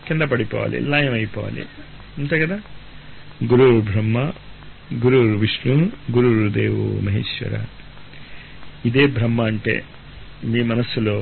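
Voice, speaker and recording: A man giving a spiritual discourse as a teacher, drawing out syllables slowly and asking rhetorical questions he answers himself. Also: medium pitch, vocal fry. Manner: slow, drawn-out syllable-by-syllable chanting of sounds. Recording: tinny phone-like radio broadcast with faint noise.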